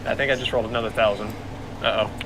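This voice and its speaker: A man's voice: fairly low pitch, steady tone, very fast. A man playing a tabletop game, chatting casually and swearing and laughing freely, over voice chat. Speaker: player. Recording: noisy background.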